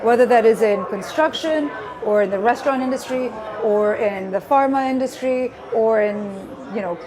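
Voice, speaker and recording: Woman from Greece, thirties, fairly high voice, earnest and upbeat, live crowd behind. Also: normal speed. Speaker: guest speaker. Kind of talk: live stage interview.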